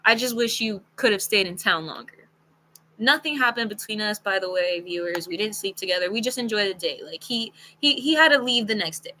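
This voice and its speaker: A young woman telling a personal story to camera in a casual, frank, animated way, full of "like" and the odd swear word. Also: mid-range voice, brisk, slight background noise, rough recording. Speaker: storytelling video creator. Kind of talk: casual story-time monologue.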